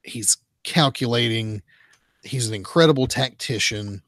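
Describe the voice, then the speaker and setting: A man's voice: medium pitch, a little slow, a bit bright, no echo, clean studio sound. A man co-hosting a comic book podcast, recapping a story in casual chat with lots of fillers and restarts. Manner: rambling, many fillers and restarts. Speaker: podcast co-host.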